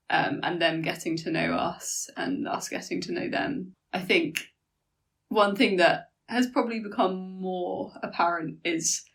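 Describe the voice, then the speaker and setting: A woman from England, a podcast guest, speaking in a reflective, even way. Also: on the low side, vocal fry. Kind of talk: casual chat.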